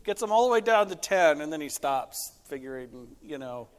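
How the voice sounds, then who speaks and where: A pastor talks casually about faith, telling stories conversationally and often going off on asides. His voice is a little high and animated at normal speed. The casual theological discussion echoes through a hall with long reverb.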